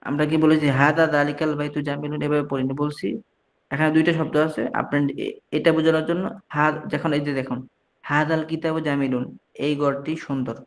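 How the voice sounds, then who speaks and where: A man's voice: on the high side, little pitch movement, a little fast. A man from Bangladesh teaching an online class, patiently reading each short phrase aloud and then translating it, often cutting off and restarting a word. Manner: frequent restarts and mid-word corrections. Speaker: Arabic teacher.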